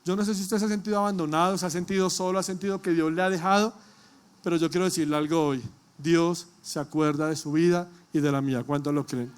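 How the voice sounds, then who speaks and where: Preaching from the pulpit, this man recounts his own testimony with feeling before swelling into loud appeals to the congregation. He talks fast in a slightly high, clear, resonant voice with fairly even intonation.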